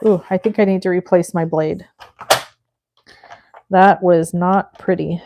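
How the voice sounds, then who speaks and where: A woman's voice: lowish voice, steady tone, measured pace, mellow, a little hiss or hum. A woman in her forties hosting a live crafting stream, chatting casually with viewers and thinking aloud as she works. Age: 40s. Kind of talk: casual chat while crafting.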